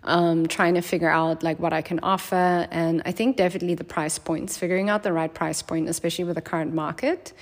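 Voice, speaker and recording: This is a woman hosting a podcast and chatting with her guest. She is encouraging and loose, with plenty of fillers. Her voice sits somewhat low for a woman. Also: steady tone, brisk, hardly any pauses. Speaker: podcast host. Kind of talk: casual interview chat.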